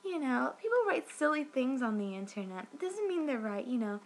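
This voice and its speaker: A woman's voice: high-pitched, very animated, fairly quick, pitched above the performer's own voice, exaggerated voice. A woman voicing a condescending female helpline operator with a sugary, dismissive customer-service manner.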